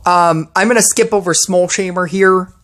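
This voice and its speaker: A woman's voice: on the low side, normal speed. A woman posting a ranting commentary video about a mobile game, sarcastic and exasperated.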